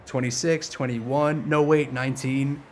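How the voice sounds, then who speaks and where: A man's voice: mid-range voice, a little slow. Mid-twenties guy streaming a game, swears a lot, rambly, faint hiss behind. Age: 20s. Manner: profane, excitable, rambling. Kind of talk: casual live-stream commentary.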